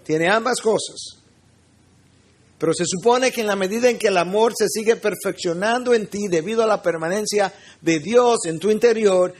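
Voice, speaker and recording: A middle-aged man who is a pastor, preaching an earnest teaching sermon and speaking straight to his listeners. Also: sits high.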